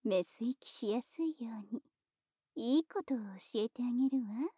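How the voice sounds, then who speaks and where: A woman voicing a teasing, commanding dominant woman in a whispered ASMR roleplay, speaking slowly and coaxingly with soft whispers. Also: a little high, slightly rough, dry recording, clean studio sound.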